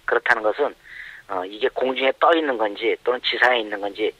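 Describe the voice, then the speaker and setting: A man answering interview questions through a pitch-altering voice disguise, measured and hesitant with frequent fillers, heard over a phone line. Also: no echo. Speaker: anonymous expert interviewee.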